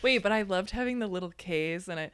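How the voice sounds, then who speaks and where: A woman's voice: mid-range voice, brisk, clean tone, dry recording, studio quality. A woman guest on a podcast, chatting casually, swearing freely and laughing often. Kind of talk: casual chat.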